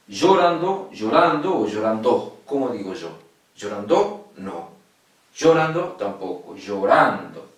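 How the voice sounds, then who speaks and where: A male secondary school teacher patiently gives an online lesson on poetic meter, repeating key words and checking that students keep up. His medium-pitched voice is recorded from a distance, off-mic, in an echoey room.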